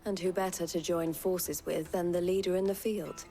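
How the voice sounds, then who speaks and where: A woman's voice: on the low side, steady tone, moderate pace, dark tone, soft background music, lightly acted. A woman playing a shrewd, formal caravan leader in a video game, courteous with a saleswoman's polish. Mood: smug, businesslike. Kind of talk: video game drama acting.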